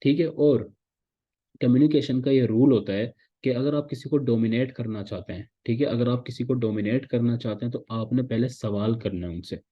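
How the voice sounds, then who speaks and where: A man from Pakistan leads an online class for interns in a plain mid-pitched voice. He explains patiently and keeps checking in with his listeners. The recording is dull and lo-fi. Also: moderate pace. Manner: explains patiently, repeats "ठीक है" often, mixes English phrases. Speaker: instructor teaching interns. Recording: dull lo-fi sound.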